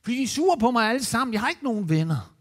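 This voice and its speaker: A man's voice: very high-pitched, sing-song, exaggerated voice. A man voicing a lonely, friendless tax collector who pleads in a slightly plaintive way.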